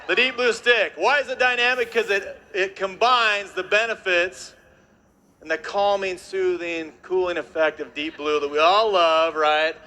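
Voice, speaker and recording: Presenting live on stage, a man keeps the crowd involved with nonstop tag questions and a jokey, high-energy style. His pitch is high, and a little hiss or hum can be heard.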